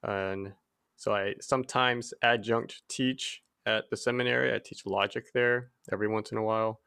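A man's voice: lowish voice, normal speed, vocal fry, clean tone. A young man from Texas, a pastor co-hosting a podcast, talking casually with frequent ums. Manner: relaxed, hesitant with many ums. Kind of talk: casual chat.

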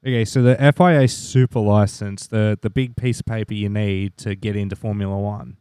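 A man's voice: lowish voice, fairly even intonation, a little fast, mellow, clean tone, dry recording, clean studio sound. A man with an Australian accent co-hosting a podcast, explaining things in an informal, sweary, conversational way. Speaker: podcast co-host. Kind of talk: casual explainer chat.

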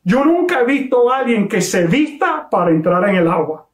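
A man preaching a sermon, telling a story with emphatic, slowly stressed phrases. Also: very high voice, big pitch swings, echoey room. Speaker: pastor.

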